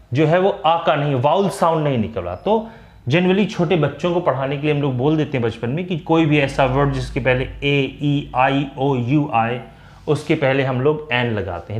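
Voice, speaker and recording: An Indian man explains English grammar in a slow, patient classroom style, stretching out the words he wants to stress. His voice sits a little high. The recording has a noticeable room echo. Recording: echoey room.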